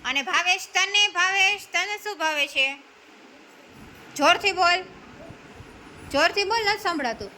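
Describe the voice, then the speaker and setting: A woman's voice: very high voice, measured pace, long pauses, sharp tone, a little hiss or hum. A woman teacher, encouraging a classroom of young children, calling on each by name and praising each answer. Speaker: preschool teacher.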